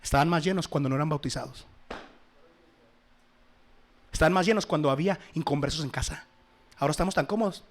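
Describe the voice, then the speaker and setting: A man's voice: on the high side, fast talker, pauses often, a little hiss or hum. Emphatic Spanish-speaking man preaching a sermon. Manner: emphatic, swings between loud exhortation and soft asides. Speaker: pastor.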